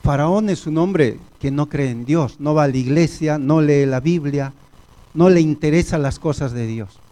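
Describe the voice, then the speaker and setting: A man with an Argentine Spanish accent preaching a sermon in a church, deliberate and measured, often turning to the congregation. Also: on the high side, mellow.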